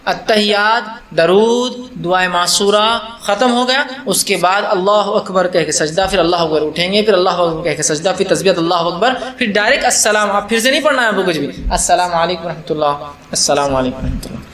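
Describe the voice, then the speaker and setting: A man's voice: high voice, hardly any pauses, a bit bright, roomy sound. A male Islamic preacher answering audience questions in a religious talk, explaining step by step with rhetorical questions and mixing English words into his speech.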